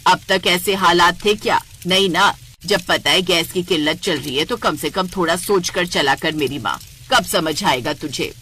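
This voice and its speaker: A woman voicing a sharp-tongued older mother-in-law who scolds and frets in a cartoon story. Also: on the low side, moderate pace, a little hiss or hum. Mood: scolding. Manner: scolding, nagging. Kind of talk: cartoon voice acting.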